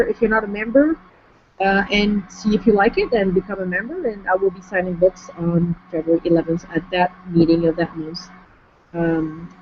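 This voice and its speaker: A French-accented woman talks through her story as an interview guest, measured and careful with her words. Her voice sits at a middling pitch. The sound is dull and lo-fi, with a faint hiss underneath. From France. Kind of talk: online interview conversation. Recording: muffled lo-fi audio with faint noise.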